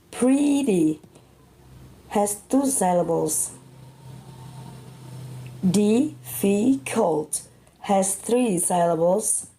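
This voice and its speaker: Woman, Indonesian accent, young adult, English teacher, very slow, mellow tone, careful syllable-by-syllable delivery. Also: medium pitch, low-quality recording. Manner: deliberate, stretching out example words syllable by syllable. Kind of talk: slow step-by-step grammar lesson.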